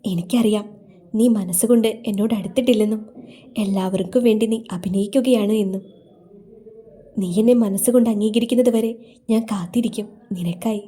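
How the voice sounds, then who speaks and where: A tender young hero from a storybook romance talks gently and fondly, with a light teasing edge, voiced by a woman narrator. The voice is mellow and warm and sits a little higher than her plain narration. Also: brisk, natural voice. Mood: gentle.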